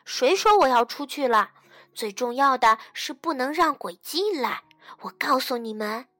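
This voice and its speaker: A woman voicing a young, brave boy bunny who is excited and quick to cheer, in a storybook. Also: high voice, dry recording, studio quality, soft background music, exaggerated voice. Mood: reassuring.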